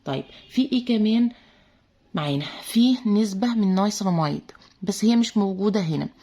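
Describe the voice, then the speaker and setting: A woman's voice: medium pitch, lively intonation, fairly quick, warm tone. A woman with an Egyptian accent chatting through a product review, full of fillers and talking straight to her female viewers. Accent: Egyptian Arabic. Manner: chatty, many filler "aah"s, addresses viewers as girls. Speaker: beauty vlogger reviewing a serum.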